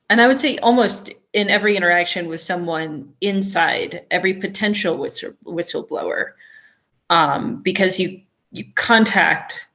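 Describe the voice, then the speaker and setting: Low gravelly woman on a muffled call. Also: fairly bright tone. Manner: thoughtful, with frequent restarts and fillers. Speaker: investigative journalist. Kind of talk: webinar talk.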